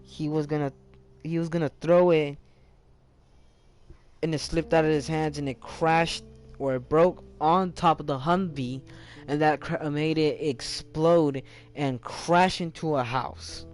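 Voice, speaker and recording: Young guy recapping a video game, rambly, keeps correcting himself, smooth clear voice. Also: fairly high pitch, fairly even intonation, a little slow, soft background music. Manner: rambling, many self-corrections and restarts. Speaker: gaming channel host. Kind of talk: casual game story recap.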